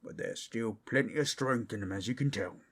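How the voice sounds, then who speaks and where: A man voicing a boastful, friendly ork masseur in an ASMR role-play, with a rough, husky voice and a folksy, rambling way of talking. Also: medium pitch, a little fast, lightly acted. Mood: apologetic, concerned. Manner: folksy, rambling, boastful fantasy-brute talk with rustic grammar.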